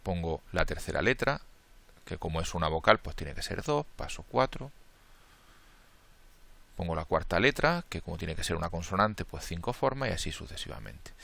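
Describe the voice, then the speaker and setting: A man's voice: sits low, expressive, moderate pace, gravelly, a bit bright. A man lecturing through a combinatorics problem step by step, thinking aloud and correcting his own slips in a Spain Spanish accent. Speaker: math lecturer. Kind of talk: worked-problem lecture, counting steps aloud.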